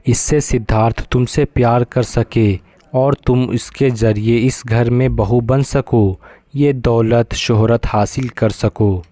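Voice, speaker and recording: Sharp-tongued scheming older woman in a storybook, voiced by a male reader with a mellow, dry tone. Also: mid-range voice, fairly even intonation, takes it slowly, no room sound, close to an everyday voice. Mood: scornful. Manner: taunting and scornful.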